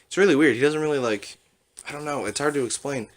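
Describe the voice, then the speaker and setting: A man's voice: fairly high pitch, fast. A young man co-hosting a podcast, telling rambling stories in casual chat and laughing at himself. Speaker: podcast co-host.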